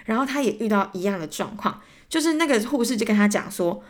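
Speaking fast in a mid-range voice with lively intonation, a young Taiwanese Mandarin-accented woman rants through stories on her solo podcast. She plays both parties in each argument, getting more heated and exasperated the longer she goes.

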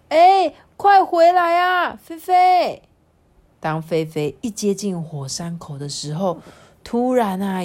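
A woman reading a children's picture book aloud at an unhurried pace. Her pitch bounces animatedly, and she lingers on small particles and sighs between phrases. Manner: expressive, drawn-out particles like 啊 and 哦, sighing fillers. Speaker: storybook reader.

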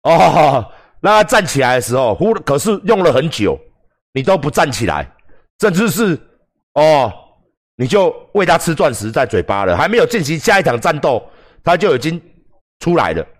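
Taiwanese man streaming, crude and profane, lively pitch, slightly high voice. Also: moderate pace. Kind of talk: casual livestream commentary.

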